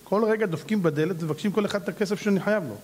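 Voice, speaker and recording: A man's voice: high-pitched, in a large hall, background noise, close to an everyday voice. A man voicing a shrewd friend who gives persuasive advice in a confiding tone.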